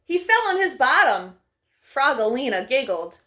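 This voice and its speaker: A woman hosts a children's storytime, reading picture books aloud with playful sound effects and lots of animation. Her high voice swings widely in pitch and sounds bright and forceful, though she never hurries.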